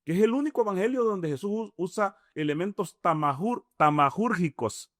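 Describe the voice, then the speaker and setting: High-voiced Salvadoran man explaining. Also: expressive, moderate pace, fairly bright tone, no room sound, studio quality. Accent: Salvadoran Spanish. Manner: explains step by step, often checking in with "¿mm?" and rhetorical questions. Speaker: imam, interview guest. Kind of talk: conversational explanation.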